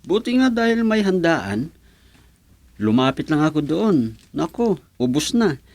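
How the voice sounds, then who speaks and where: An actor playing a polite, earnest young egg vendor in an expressive radio drama style. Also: male voice, fairly high pitch, measured pace, dry recording.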